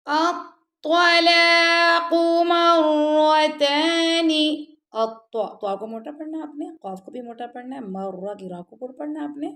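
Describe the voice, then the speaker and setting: A woman with a high voice gives a tajweed lesson. She explains each sound patiently, keeps checking that the listener follows, and moves into slow, drawn-out chanting for the recited words. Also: animated, creaky, warm tone. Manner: patient, explains step by step, often checks with "ٹھیک ہے؟". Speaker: Quran recitation teacher.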